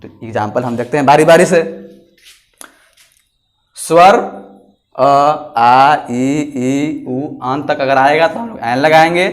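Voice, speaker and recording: A male teacher giving a classroom lesson, repeating phrases slowly for students to write down and asking and answering his own questions. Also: medium pitch. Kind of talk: classroom lesson, dictating notes.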